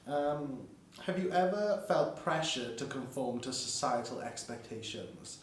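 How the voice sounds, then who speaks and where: A man's voice: medium pitch, animated, a little slow. A man interviewing a guest, reading questions and encouraging her with short agreements. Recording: very echoey, far from mic, faint noise.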